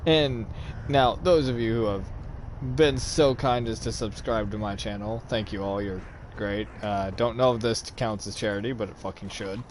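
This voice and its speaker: A man's voice: on the low side, fairly even intonation, normal speed, background noise. A man hosting a chat show, telling a casual story, swearing freely and laughing at his own jokes. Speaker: host.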